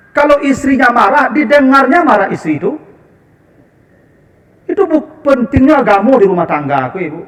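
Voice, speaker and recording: A male preacher with a Minangkabau accent delivers a sermon in a high, ringing voice. He talks in an animated, joking way and keeps calling out to the women in front of him. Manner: animated, humorous, addressing the women as "ibu".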